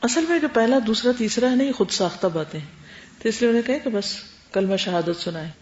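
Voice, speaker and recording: A woman's voice: a little high, expressive, a little mellow. A woman teacher, answering students in a classroom Q&A and explaining point by point with English words mixed in. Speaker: Quran teacher. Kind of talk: classroom Q&A lecture. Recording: roomy, dull lo-fi classroom recording.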